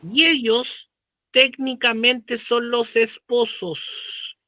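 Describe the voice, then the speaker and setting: Chilean man lecturing with a bright, high voice. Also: steady tone, extremely slow, no room sound, muffled recording. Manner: conversational, uses slang and rhetorical questions. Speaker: law professor.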